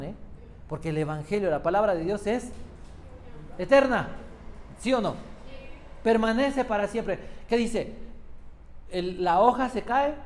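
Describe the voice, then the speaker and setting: Un hombre predica un sermón con énfasis, repite frases y le hace preguntas a la congregación. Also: male voice, high-pitched, darkish tone, slight background noise. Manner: emphatic, repeats phrases, quizzes the congregation. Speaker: preacher. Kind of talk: sermon.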